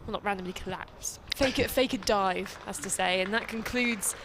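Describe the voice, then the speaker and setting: A woman's voice: mid-range voice, moderate pace, background noise. A woman commentating live on a cricket match, calling the play and trading jokey banter with her co-commentator. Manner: chatty, joking banter between calls of play.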